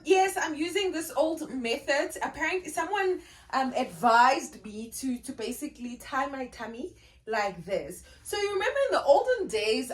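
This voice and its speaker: A young adult South African woman, a native Xhosa speaker, vlogs casually to camera in a high, slightly bright voice. She repeats words and laughs easily.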